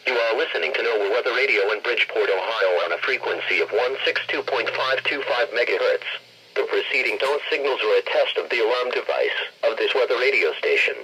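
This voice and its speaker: A synthetic-sounding man's weather radio voice reading a scripted bulletin in a formal, measured, slightly rough announcer delivery over a radio broadcast. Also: medium pitch, expressive, pushed and bright, a little hiss or hum, poor audio.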